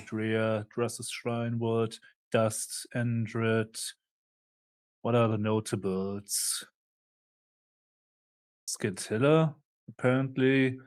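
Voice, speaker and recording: A man with a German accent, a player in a tabletop game who talks bluntly and reads names off a page. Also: medium pitch. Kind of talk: casual planning chat for a tabletop game.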